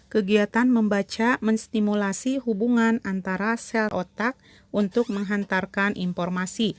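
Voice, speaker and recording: A teacher with an Indonesian accent narrates a scripted lesson for schoolchildren in a medium-pitched voice. She enunciates carefully, using short, measured phrases.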